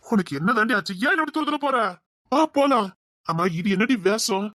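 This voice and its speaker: A woman's voice: on the high side, lively intonation, a little fast, a bit bright, no echo, studio quality. A woman voicing a possessive, lovesick young husband who pleads, coaxes and threatens in an amateur audio drama. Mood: pleading. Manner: pleading, insistent, swings between coaxing and threats.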